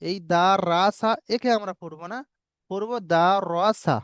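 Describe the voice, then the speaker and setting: Slow, patient man spelling out syllables. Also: sits high, no room sound, clean studio sound. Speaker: Quran recitation teacher. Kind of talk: online tajweed lesson.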